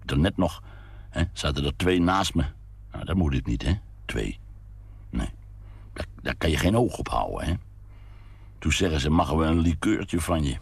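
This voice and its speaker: A man's voice: extremely low pitch, expressive, normal speed, vocal fry, pauses often, husky, no room sound, exaggerated voice. A man voicing a weary, wistful drinking man of about fifty who mumbles and rambles, humming to himself, in a read-aloud story. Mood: rambling.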